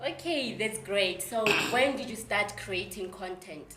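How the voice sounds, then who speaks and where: A woman's voice: mid-range voice, a little slow. A young woman with a South African accent, asking questions as the host of a casual interview show. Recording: echoey room with faint background noise.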